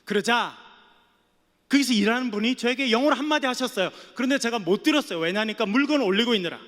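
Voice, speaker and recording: In a seminary chapel with long reverb, a male pastor from Geoje island, South Korea, preaches a sermon full of humorous stories and playful jokes for the audience. His voice is extremely high-pitched, quick, and a bit bright.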